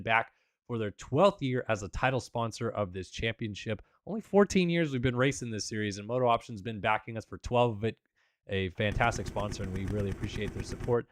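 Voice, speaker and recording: An esports race commentator calls the action in an upbeat announcer style, working in sponsor reads and plugs, though his voice is still coming back after he lost it. His medium-pitched voice sounds clean and dry, as if recorded in a studio.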